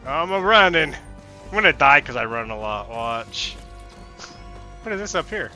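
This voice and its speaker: A man playing a video game as a newcomer, chatting casually and blurting out excited reactions, his voice sounding as if inside a helmet. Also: a little high, unhurried. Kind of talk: casual gameplay chat and reactions. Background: game music, gunfire and explosions.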